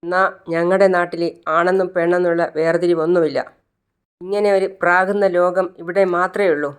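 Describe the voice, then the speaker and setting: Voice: medium pitch, fairly even intonation, normal speed, clean tone, lightly acted. Narrator voicing a defiant young wife.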